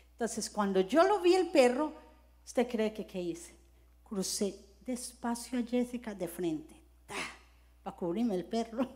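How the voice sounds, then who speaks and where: High-voiced woman pastor telling stories. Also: darkish tone. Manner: storytelling, acts out scenes with sound words. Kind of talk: sermon with personal stories.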